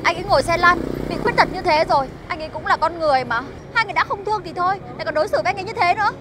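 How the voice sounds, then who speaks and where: A woman's voice: very high-pitched, rapid-fire, heavy background noise. An actress playing an indignant young woman who defends her boyfriend against a rude shop owner. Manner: indignant, protective. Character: indignant, loyal young girlfriend. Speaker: girlfriend. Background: background music.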